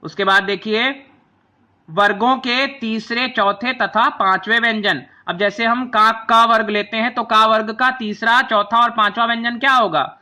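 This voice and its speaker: A man teaching a grammar lesson. He spells out each sound slowly, one at a time, and asks the class to say them along with him. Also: extremely high pitch, steady tone, bright, forceful tone. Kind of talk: classroom lesson explaining a chart.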